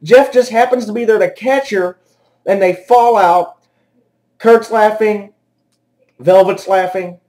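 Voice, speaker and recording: A man's voice: high voice, slow, pauses often, darkish tone. A man reviewing a wrestling show in an angry, profane and sarcastic rant. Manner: exasperated and profane. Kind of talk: angry ranting commentary.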